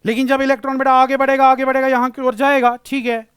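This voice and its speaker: A man's voice: extremely high pitch, flat delivery, fast talker, fairly bright tone, clean tone, no echo, studio quality. A male physics teacher giving a classroom lecture, explaining patiently, repeating key phrases and using terms.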